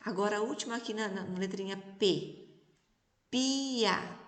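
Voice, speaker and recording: A Brazilian woman teaching young children in a remote lesson, speaking slowly and patiently and stretching out syllables. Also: medium pitch, steady tone. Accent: Brazilian Portuguese. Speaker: primary school teacher. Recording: echoey, reverberant room.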